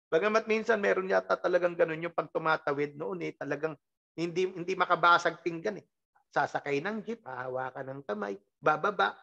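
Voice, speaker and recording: Network marketing team leader, motivational training talk, animated, emphatic, rhetorical questions, middle pitch, dull video call audio. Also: creaky. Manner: laughs often while teasing the team.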